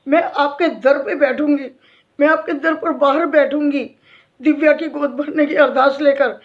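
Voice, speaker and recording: A middle-aged woman, a devotee and bhajan singer, telling an emotional faith story to fellow devotees in a heartfelt, earnest way. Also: sits high. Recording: dull lo-fi recording.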